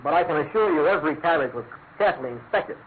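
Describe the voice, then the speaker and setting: An actor playing a dutiful, matter-of-fact police inspector in a classic radio drama, speaking deferentially. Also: male voice, on the high side, expressive, rapid-fire, slight background noise, natural voice. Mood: deferential, firm. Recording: tinny vintage radio, music underneath.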